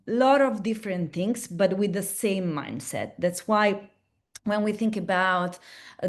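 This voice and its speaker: A platform representative from Italy gives a webinar presentation in a mid-range, slightly mellow voice with an Italian accent. She chats informally, frequently restarting and using tag questions.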